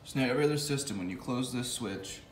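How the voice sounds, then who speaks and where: A fast-talking man with a medium-pitched voice casually walks through the wiring on his motorcycle in a home garage, thinking out loud with fillers and restarts. He's a vlogger building an electric motorcycle, recorded close on a phone in an echoey room with a bit of hiss or hum.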